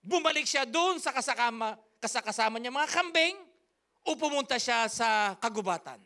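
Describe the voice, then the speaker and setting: A woman's voice: on the high side, animated, moderate pace, sharp tone. A woman pastor, telling a story in a sermon with emphatic, repetitive, rhythmic phrasing. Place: church service.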